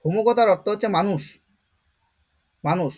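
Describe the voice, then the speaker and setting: A man's voice: high voice, fairly quick, darkish tone. Rhetorical Bengali vocabulary teacher, man. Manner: explains step by step, repeats words and asks rhetorical questions. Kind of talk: vocabulary lesson.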